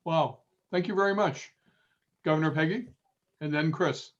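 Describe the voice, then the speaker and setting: A man's voice: fairly high pitch, moderate pace. Upbeat male host on a muffled call. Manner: upbeat, thanks each speaker. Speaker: seminar host. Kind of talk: moderating a video call. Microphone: video call. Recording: muffled video call audio.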